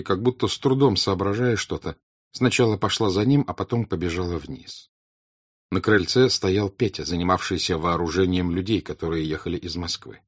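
Husky, low-voiced male narrator. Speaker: audiobook narrator. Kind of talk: scripted literary narration. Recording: slightly dull, dry recording.

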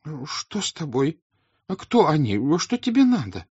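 A man's voice: fairly high pitch, wildly swooping pitch, moderate pace, a little mellow, breathy edge, no echo, muffled recording, voice pushed up, full character voice. A man voicing a flustered older countess who speaks in a plaintive, fretful way.

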